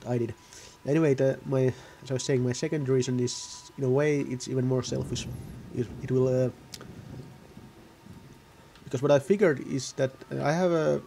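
A man's voice: mid-range voice, fairly even intonation, moderate pace, gravelly, dark tone, a little hiss or hum. A man giving casual, rambling gameplay commentary, often correcting himself mid-sentence. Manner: rambling, self-correcting, offhand. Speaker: gaming video host.

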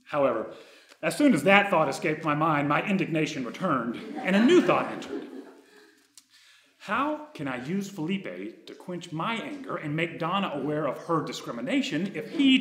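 A man in his thirties reading a true personal story aloud on a dark theater stage, wry and ironic. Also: on the high side, very animated, normal speed, echoey room, crowd noise.

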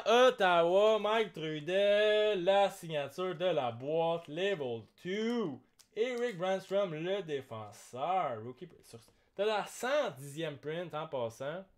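A young man with a Québécois French accent, hosting a live card-break stream and joking with viewers in a slangy, excitable way. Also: a little high. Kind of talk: live card-opening commentary.

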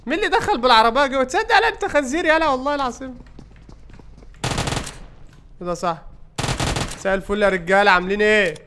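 A man with an Egyptian accent giving excited, teasing commentary while playing a game with friends. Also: very high-pitched, fast, long pauses, background noise. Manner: teasing, excitable, taunts opponents. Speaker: gaming streamer. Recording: gameplay audio with gunfire behind.

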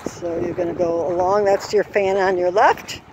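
This course designer, a woman, records on her phone while touring an outdoor horse course, calmly explaining every obstacle and now and then fixing what she said. She speaks with a fairly low pitch and a steady tone over lo-fi sound. Faint outdoor noise comes through, and she occasionally moves away from the mic.

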